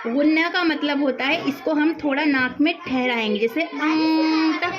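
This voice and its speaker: A woman teaching the rules of Quran recitation, patiently repeating each example and slowly drawing out the sounds. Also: sits high, lo-fi sound, heavy background noise.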